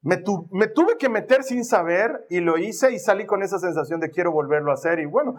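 High, lively, husky-voiced preacher man. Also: brisk. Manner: animated storyteller with sound effects. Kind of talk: storytelling sermon.

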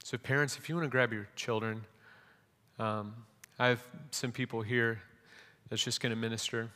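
Young guy preaching, excited story, lots of restarts, echoey church hall. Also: medium pitch, moderate pace. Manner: animated, many restarts. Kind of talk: sermon storytelling.

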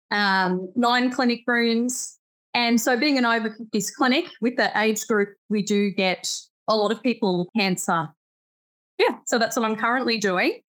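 A woman's voice: mid-range voice, a bit bright. A woman in her fifties with an Australian accent, a physiotherapist chatting as a guest in an upbeat way. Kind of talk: conversational interview.

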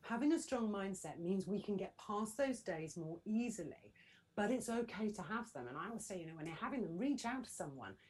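A middle-aged woman, a business coach, chatting as a podcast guest in a lively, animated way. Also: medium pitch, fairly quick, breathy edge, rough recording. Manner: chatty and animated, laughs often. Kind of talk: casual podcast conversation.

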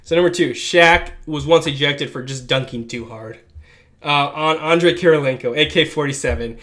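A man's voice: a little high, moderate pace, fairly bright tone. A man co-hosting a casual show, animatedly recounting sports stories with frequent laughs and asides. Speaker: podcast co-host. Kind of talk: casual storytelling chat.

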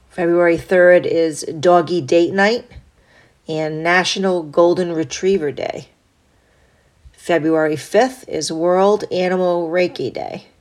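A low-voiced woman hosts her own solo podcast while congested from a cold, her nose audibly blocked. She reads through a list steadily and evenly, tossing in short asides.

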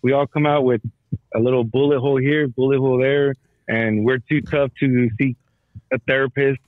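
Casting: male veteran phoning a podcast, sweary casual talker, dry and dull low-fidelity audio. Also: steady tone, moderate pace, no room sound. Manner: profane, slangy, repeats himself. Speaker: military veteran calling in to a podcast. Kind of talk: casual chat. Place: calling from a garage.

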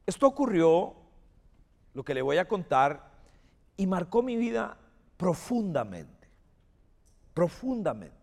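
Male pastor, sermon delivery, lively pitch, drawn-out pacing, reverberant hall. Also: vocal fry. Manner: animated storytelling, calls for amens.

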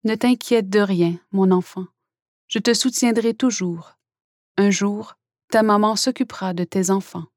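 A woman voicing Jesus as a gentle, soothing male figure, speaking very softly and tenderly to a suffering woman. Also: mid-range voice, measured pace, no room sound, studio quality, lightly acted. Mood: tender reassurance. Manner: very soft and tender.

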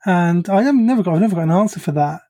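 A podcast host talking reflectively, with halting restarts, in a conversational interview. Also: mid-range voice, expressive, dark tone.

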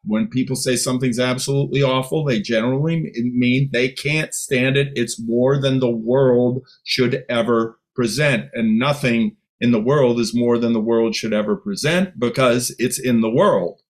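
Man panelist, emphatic and deliberate, mid-pitched voice. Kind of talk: professional discussion.

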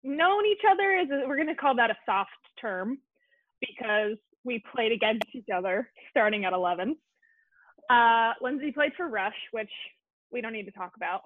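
Young female host from Colorado, chatty and self-mocking; higher voice, dry, phone-like sound. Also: lively intonation, no room sound. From Colorado, USA. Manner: chatty, quick, self-deprecating. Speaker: podcast host. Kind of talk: casual chat. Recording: tinny phone-like call audio.

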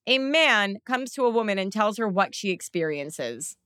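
A woman's voice: mid-range voice, very animated, moderate pace, fairly bright tone, clean tone, dry recording, clean studio sound. A woman hosting a podcast in casual chat, blunt, joking and opinionated. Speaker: podcast host.

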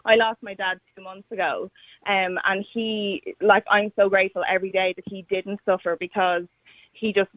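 A woman calling in to a radio debate over a phone line. She speaks earnestly and haltingly, restarting her sentences and filling them with "like" and "you know". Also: mid-range voice, steady tone, no room sound. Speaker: radio caller. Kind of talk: call-in debate. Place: calling in by phone, not in the studio.

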